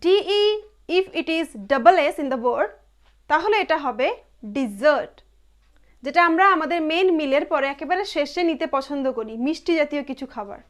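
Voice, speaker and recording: A woman teaching English pronunciation, repeating each word slowly and with emphasis. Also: high voice, expressive. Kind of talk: slow pronunciation lesson.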